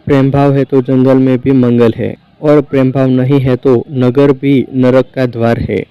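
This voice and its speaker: Man reading old court tales, steady and measured; dry, slightly muffled recording. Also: mid-range voice, no echo. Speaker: storyteller. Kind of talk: scripted narration of folk tales.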